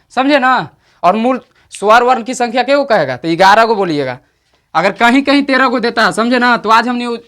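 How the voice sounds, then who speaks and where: A man with a Bihari accent teaching an exam-prep lesson, often checking "understood?" and slowing down to dictate definitions. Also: extremely high pitch, pushed and bright. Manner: repeats "samjhe na?" checks, slows to dictate definitions.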